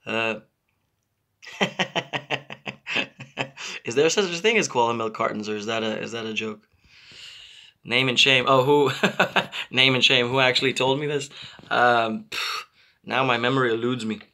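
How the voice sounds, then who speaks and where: A man in his thirties from Israel, hosting a casual live stream and answering viewer comments with halting, repetitive phrasing and many fillers. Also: medium pitch, pushed and bright. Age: 30s. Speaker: channel host.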